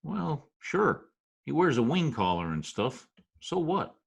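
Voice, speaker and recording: Playing the same kind of wry, skeptical Broadway wise guy in an old-time, 1940s-style radio drama, a man delivers present-tense slangy narration and dialogue in stiffly formal slang, sounding skeptical and sardonic. His full character voice is fairly high, sing-song, slow, creaky and slightly rough. It was recorded over a video call.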